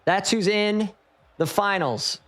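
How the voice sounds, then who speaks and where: A man's voice: sits high, slow pace, fairly bright tone. A man commentating an online esports tournament in an easygoing, rambling, playful way.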